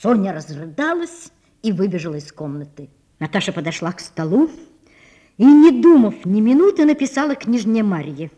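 A woman reading a classic novel aloud as narrator, in a measured, expressive storytelling manner. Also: medium pitch, highs cut off.

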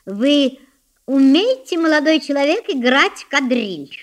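A woman's voice: sits high, big pitch swings, a little slow, pitched above the performer's own voice. A woman voicing a haughty, contemptuous young lady who speaks in a teasing, disdainful manner. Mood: mocking.

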